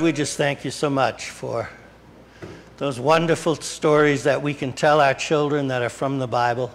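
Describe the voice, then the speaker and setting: A middle-aged man preaching a sermon as pastor in a small church, unhurried and often correcting himself mid-sentence. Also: fairly high pitch, gravelly, fairly bright tone, a little hiss or hum. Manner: slow, unhurried delivery with frequent self-corrections. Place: small church sanctuary, indoors.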